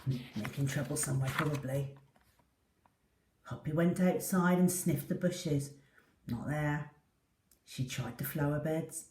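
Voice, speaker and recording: Reading a children's storybook aloud, a woman brings animated drama to it with a deep voice and a slow, measured pace. She was recorded from a distance, and the room is noticeably echoey.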